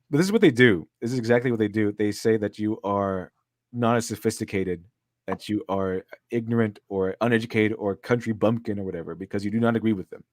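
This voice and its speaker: A man's voice: on the low side, fairly quick, no echo. A man co-hosting a livestream, reading chat and mocking critics in a sarcastic, laughing way, with a dry close sound. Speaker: streamer and co-host.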